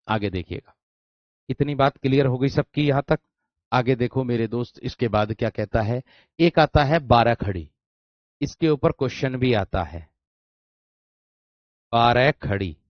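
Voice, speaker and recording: A man's voice: medium pitch, dry recording. Emphatic male teacher, dry and dull-sounding. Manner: repetitive, emphatic, calls students "my friend". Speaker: exam-prep teacher. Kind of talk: online Hindi grammar lesson.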